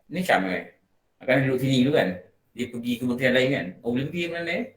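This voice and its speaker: A man with a Malaysian Malay accent delivers a relaxed religious talk to a gathering and keeps turning to his listeners with questions. His voice sits at an ordinary pitch. The prayer hall gives the recording a roomy echo. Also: quick pace. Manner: conversational, asks the audience questions. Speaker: religious teacher. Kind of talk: morning religious lecture.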